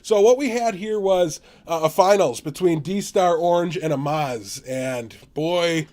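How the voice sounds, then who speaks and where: An American man co-hosting a gaming podcast, chatting casually and excitably, quick to laugh. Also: a little high. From United States. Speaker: podcast co-host.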